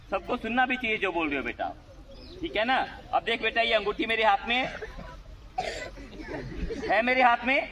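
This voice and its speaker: A man's voice: high-pitched, pushed and bright, poor audio. A man with a Haryanvi accent performing a live magic show for students, coaxing and teasing his volunteers. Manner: coaxing, teasing, calls everyone "beta". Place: outdoors at a school gathering. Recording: outdoor crowd noise around the voice.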